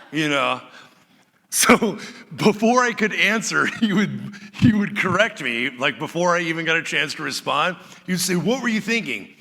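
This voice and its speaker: A middle-aged man preaching a conversational, animated sermon as pastor. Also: a little high, in a large hall. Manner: animated, conversational, acts out quoted lines.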